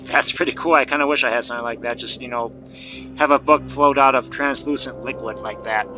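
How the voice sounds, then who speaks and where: Bright-voiced man doing wry gameplay commentary. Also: medium pitch, fairly even intonation, fairly quick. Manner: wry, joking asides. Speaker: let's play host. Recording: dull lo-fi microphone with game music. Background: video game music.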